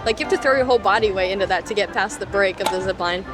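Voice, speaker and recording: A woman's voice: mid-range voice, very fast. A young woman, the family's daughter, chatting casually with lots of "like" fillers. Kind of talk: casual chat. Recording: loud background music.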